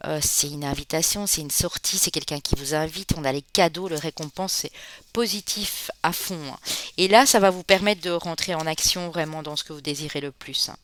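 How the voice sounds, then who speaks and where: With a mid-range, fairly bright voice and a little hiss or hum in the audio, a Basque card reader from Spain chats casually through a tarot reading for viewers. "Hein" fills pauses and closes many sentences, and the audience gets addressed as friends.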